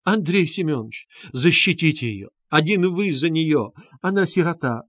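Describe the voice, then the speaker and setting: A distraught woman, as a male reader puts her on begs fervently in a raised, strained voice. The pitch sits above a man's usual tone, and the reading is close and dry. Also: animated, measured pace, a bit bright, no room sound. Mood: pleading. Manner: pleading, beseeching. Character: desperate pleading woman, distraught mother.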